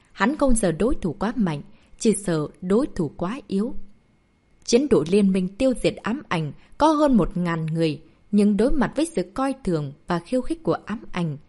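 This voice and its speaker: A woman narrating a martial arts story as an audiobook, reading in an expressive storytelling manner. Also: medium pitch.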